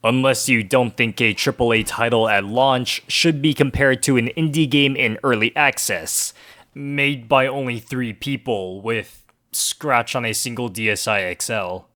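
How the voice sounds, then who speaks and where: A man's voice: mid-range voice, measured pace, pushed and bright. A young man giving a casual scripted game review in a wry, slangy, joking way. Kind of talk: scripted video essay narration, casual. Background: background music.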